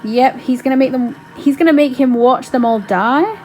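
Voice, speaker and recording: Woman, reaction host: excitable, slangy, profane commentary, slightly high voice, faint background noise. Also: normal speed.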